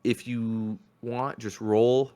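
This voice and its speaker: A man narrating a tabletop game as game master, rambling in a relaxed way with lots of fillers. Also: mid-range voice, slow.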